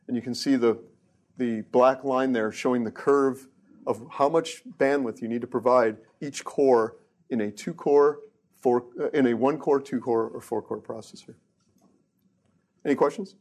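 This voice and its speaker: A middle-aged man lectures on hardware research in a relaxed, offhand way. He drops wry jokes into the technical points and often stumbles and restarts mid-sentence. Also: medium pitch, normal speed. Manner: casual, joking asides, frequent restarts. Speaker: research engineer giving a lecture.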